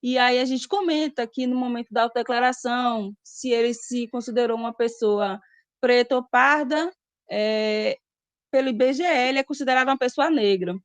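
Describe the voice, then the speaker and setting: A Brazilian woman speaking in an online class discussion, her voice clearly high. The sound is dry and close over the video call, and she talks conversationally, often checking in with tag questions. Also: moderate pace, dry recording. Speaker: student.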